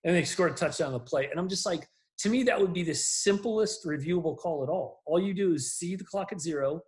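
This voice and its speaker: Animated, laughing sports co-host, man. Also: sits high, brisk. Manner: animated, laughing, repeats words. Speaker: podcast co-host. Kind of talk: casual sports talk.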